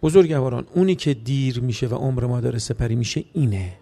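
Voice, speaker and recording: A man preaching a sermon, moving from hushed storytelling to emotional, near-tearful outbursts in rhythmic, repeated phrases. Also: mid-range voice, gravelly.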